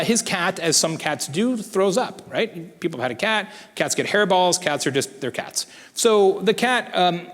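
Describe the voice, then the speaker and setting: Animated keynote speaker in a hall. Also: male voice, on the high side. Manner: animated, conversational, emphatic. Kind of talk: conference keynote. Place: large conference hall. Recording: echoey hall.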